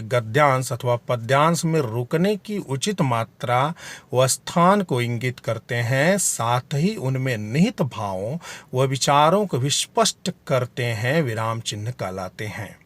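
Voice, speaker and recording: A man teaching Hindi grammar in a video lesson, explaining terms deliberately and spelling out examples. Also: mid-range voice, animated, fairly bright tone.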